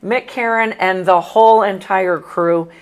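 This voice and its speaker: A woman's voice: mid-range voice, fairly even intonation, a little slow. A woman hosting a casual sports talk show, an ex-coach who talks in a chatty, emphatic way. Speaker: sports talk host and former basketball coach.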